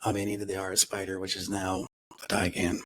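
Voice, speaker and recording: A man's voice: low-pitched, completely flat delivery, quick pace, no echo, low-quality recording. A man co-hosting a car podcast, chatting casually and rambling, with frequent restarts and acted-out quotes. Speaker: podcast co-host. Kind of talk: casual chat.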